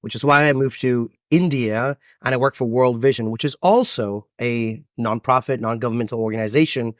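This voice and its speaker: Dry, close-miked audio carries a mid-range male voice with an American accent. In his thirties, he's a podcast guest and event MC who gives storytelling answers in an expansive, animated style full of dramatic pauses.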